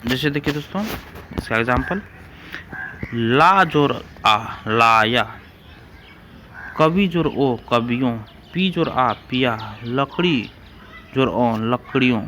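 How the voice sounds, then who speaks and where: A man's voice: medium pitch, lively intonation, a little slow, fairly bright tone, a little hiss or hum. A man teaching an exam-prep grammar lesson, repeating rules and examples and calling his listeners friends.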